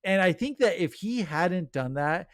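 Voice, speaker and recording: Enthusiastic podcast co-host, a man with a slightly high voice, dry close-miked sound. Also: measured pace, no echo. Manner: enthusiastic, animated storytelling. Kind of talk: casual chat.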